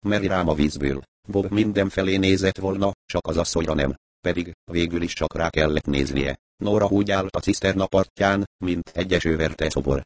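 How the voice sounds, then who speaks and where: A man narrating a story as an audiobook reader, in a measured, even manner. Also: low-pitched, no echo. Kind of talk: audiobook reading.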